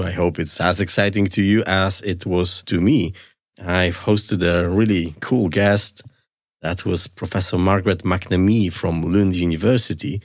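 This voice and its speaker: A man's voice: low-pitched, no room sound, clean studio sound. An upbeat, enthusiastic man speaking as the host of an interview podcast.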